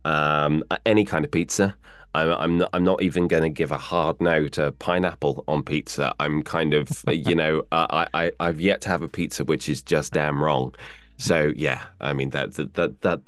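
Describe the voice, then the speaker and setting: A man working as a voice actor, answering interview questions in an animated way and playing with his pitch as he explains. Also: normal speed, dry recording, studio quality. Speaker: voice actor guest.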